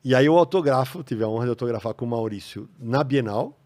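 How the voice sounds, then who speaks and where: A comics writer with a Brazilian Portuguese accent, appearing as a podcast guest in a studio, tells stories casually and animatedly, acting out quoted voices. His voice is mid-range and fast.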